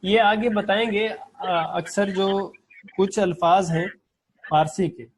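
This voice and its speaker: A man teaching an online language class, explaining patiently step by step and repeating examples slowly. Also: high voice, steady tone, breathy edge, no room sound. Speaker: Farsi teacher.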